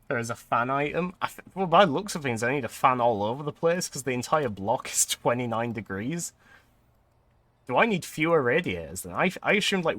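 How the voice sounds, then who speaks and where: A man's voice: medium pitch, a bit bright, no room sound. A man casually commentating a building game, thinking aloud and laughing often. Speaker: streamer.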